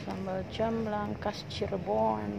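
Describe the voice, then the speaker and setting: A woman's voice: mid-range voice, little pitch movement, takes it slowly, gravelly. Chatty woman vlogging in a noisy shop. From Indonesia. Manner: chatty, exclaiming, mixing English and Indonesian. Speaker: vlogger shopping. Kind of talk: casual chat. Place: indoor food souvenir shop. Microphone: handheld phone camera. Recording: loud shop background noise.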